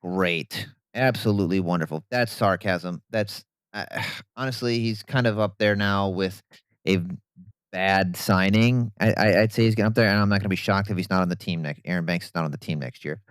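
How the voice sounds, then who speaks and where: A man co-hosting a casual sports podcast, opinionated and animated, breaking down football players with the odd bit of sarcasm. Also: on the low side, a little fast, clear, resonant tone, no echo. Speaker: podcast co-host.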